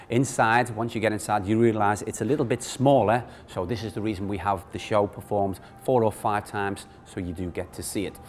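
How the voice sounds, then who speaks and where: A man's voice: on the low side, a little mellow. A man speaking as an upbeat, chatty cruise director, presenting a ship tour to camera and joking with viewers. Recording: background noise, on-location ship ambience.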